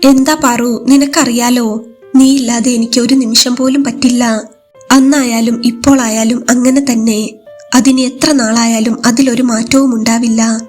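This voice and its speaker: A woman voicing a gentle devoted young husband. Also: on the high side, steady tone, unhurried, soft background music. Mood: tender worry. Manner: pleading, tender concern.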